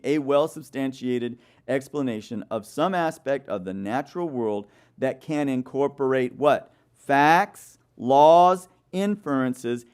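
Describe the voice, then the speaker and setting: A clear, resonant, slightly mellow voice of medium pitch carries this man's sermon-style Bible study. He uses stories and rhetorical questions directed at his audience, checking often with an "okay?"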